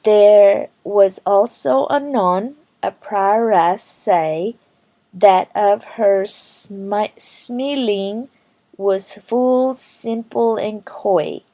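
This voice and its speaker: A woman reciting Middle English poetry in a careful, halting way, word by word, with occasional stumbles. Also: mid-range voice, warm tone.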